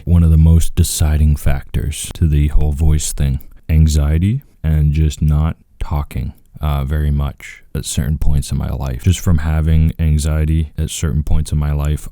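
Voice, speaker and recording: A man talking casually and quietly into a close microphone for his vlog, in a laid-back, rambling way. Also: rumbling low, no echo. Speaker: video creator.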